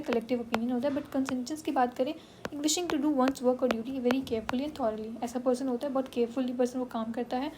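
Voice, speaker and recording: An English exam tutor with an Indian English accent teaches a vocabulary lesson in a mix of Hindi and English, checking in often with her students. Her voice is high-pitched, with background noise.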